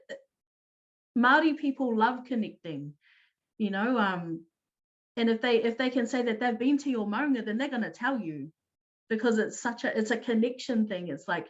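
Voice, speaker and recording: A woman presenting an online teaching talk, explaining in an upbeat way with quick restarts. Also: fairly high pitch, dull audio.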